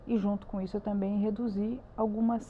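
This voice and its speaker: A woman's voice: medium pitch, level tone, brisk, dull audio, slight background noise. A woman with a Brazilian Portuguese accent, a church ministry leader giving an earnest, emphatic personal testimony as a podcast guest. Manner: earnest and emphatic, repeats words for stress.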